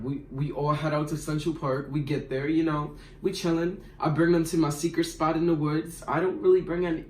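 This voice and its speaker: Slangy young New man, roomy echo. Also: a little high. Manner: slangy, rambling, animated retelling. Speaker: vlogger. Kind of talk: casual storytime.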